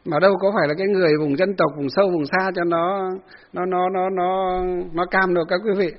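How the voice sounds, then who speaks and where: A man's voice: high voice, steady tone, a little fast, muffled recording. A man giving a folksy Buddhist sermon, telling a story with many fillers and acted-out quotes. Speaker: Buddhist monk giving a dharma talk.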